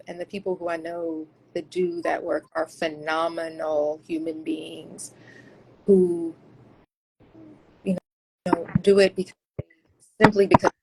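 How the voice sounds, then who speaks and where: Woman guest talking about her research, earnest, kinda halting, gravelly fry in her voice. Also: on the low side, darkish tone, low-quality recording. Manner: earnest, thoughtful, with halting restarts. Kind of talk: casual interview talk.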